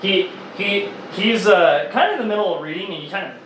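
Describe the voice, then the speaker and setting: A man narrating a tabletop game as game master, pausing often to search for words, recorded on a distant mic in a roomy, noisy space. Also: high voice, fairly bright tone. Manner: hesitant, many fillers and restarts.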